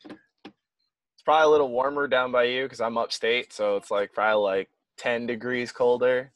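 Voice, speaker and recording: A man's voice: mid-range voice, fairly even intonation, normal speed, a bit bright, dry recording. A man from the Bronx, a student chatting casually on a video call, easygoing and full of fillers. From the Bronx, New York. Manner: easygoing, filler-heavy, laughs easily. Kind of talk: casual chat.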